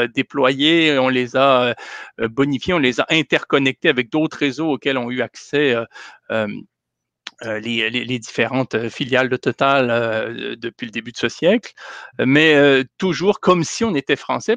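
A man's voice: medium pitch, gravelly, fairly bright tone, no echo. A middle-aged man, speaking as an author and guest on a video call from his home study. He argues emphatically and often repeats words as he builds his points. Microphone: headset on video call.

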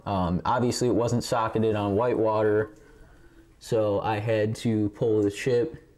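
A man with a fairly low, steady, slightly mellow voice talks a little slowly while hosting a casual hands-on pinball repair tutorial. He's recorded indoors among arcade machines on a camera mic set on a tripod a short distance away, with clear background noise and clicks.

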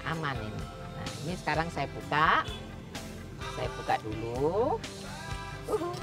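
A woman's voice: deep voice, huge pitch swings, unhurried. A woman hosting a cooking demonstration on an outdoor street stage, explaining each step in a chatty, instructive way and often addressing the audience directly. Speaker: cooking show host. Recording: music playing behind.

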